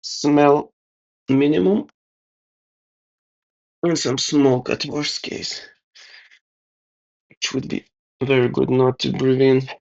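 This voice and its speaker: Slow, mumbling man thinking aloud. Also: medium pitch, fairly even intonation, vocal fry, a little mellow. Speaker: DIY video maker. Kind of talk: casual narration over hands-on repair. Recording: somewhat dull, lo-fi sound.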